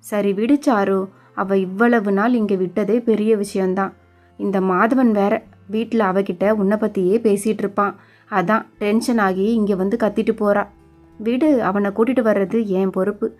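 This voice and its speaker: A woman voicing a calm, middle-aged husband in a storybook reading, speaking in a soothing, matter-of-fact way. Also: medium pitch, a little slow, faint music behind, lightly acted. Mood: reassuring.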